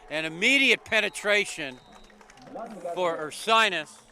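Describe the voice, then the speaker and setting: A male play-by-play commentator with a bright, forceful, slightly high voice, calling a college football game from an outdoor stadium. He reels off numbers and stats with steady energy. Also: a little slow.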